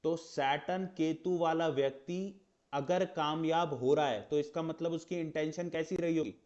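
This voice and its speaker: A man's voice: fairly high pitch, measured pace, a little mellow, lo-fi sound. A man teaching an astrology class in a conversational way, asking rhetorical questions and acting out little exchanges. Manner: conversational, explains with rhetorical questions and mock dialogue. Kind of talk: lecture in Hindi with English terms.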